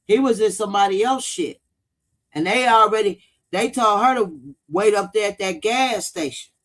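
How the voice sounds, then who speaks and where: A man hosting a casual true-crime commentary livestream speaks bluntly and swears freely, driving his points home by repetition and frequently replying to viewers along the way. His voice sits high and fairly bright, at a moderate pace.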